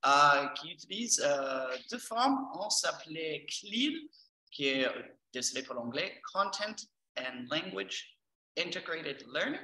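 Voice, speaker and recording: A man with an American accent in French, a native English speaker, gives an informal presentation of courses. His delivery is slow and halting as he searches for words. The voice is bright and forward in tone, caught at a distance in an echoing room. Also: fairly high pitch, very animated, slight background noise. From Texas, United States. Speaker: teacher trainer presenting courses. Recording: roomy echo, distant from microphone.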